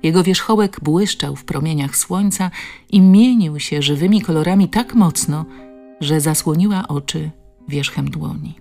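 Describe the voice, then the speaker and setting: A woman narrating an audiobook in a measured, expressive reading. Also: low voice, creaky, faint music behind. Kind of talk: scripted narration.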